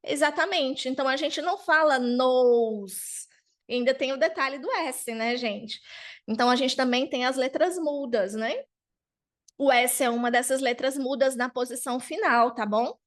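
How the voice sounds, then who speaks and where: High-voiced woman teaching slowly. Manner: explains patiently, checks in often with "tá?" and "tá bom?"; slowly drawn-out model pronunciations. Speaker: French teacher. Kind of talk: online language lesson.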